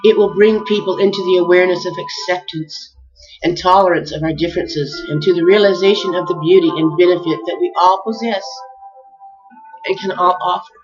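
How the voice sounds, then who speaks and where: Woman, lowish voice, earnest spiritual talk, measured delivery, dull lo-fi sound, soft music behind. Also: steady tone. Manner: measured, heartfelt, addresses listeners as beloveds. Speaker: spiritual speaker. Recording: dull lo-fi recording with faint music.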